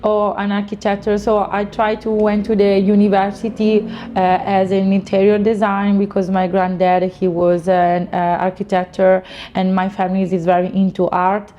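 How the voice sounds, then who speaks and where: Mellow young Italian-accented woman. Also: mid-range voice, level tone, normal speed, lo-fi sound, slight background noise. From Italy. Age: late 20s. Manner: informal, non-native English phrasing with frequent "you know". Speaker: interviewee, fashion model. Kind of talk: casual interview answers.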